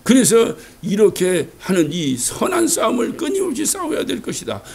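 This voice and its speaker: A male pastor delivering a Sunday sermon in a church, animated, asking rhetorical questions and acting out quotes. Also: high voice, moderate pace, vocal fry, husky. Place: church sanctuary.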